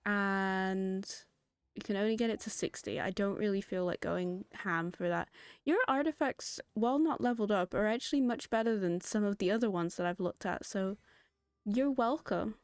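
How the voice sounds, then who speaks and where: A hoarse woman hosting a gaming video, giving chatty, giggly commentary with sudden high excited jumps. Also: normal speed, no room sound, clean studio sound. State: hoarse, has lost her voice. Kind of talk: casual gameplay commentary.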